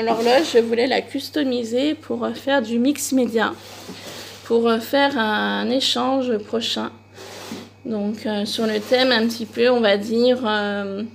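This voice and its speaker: A woman's voice: on the high side, creaky, a little hiss or hum. A woman chatting casually in a shopping haul video for her crafting channel, with frequent hesitations and fillers. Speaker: crafting vlogger.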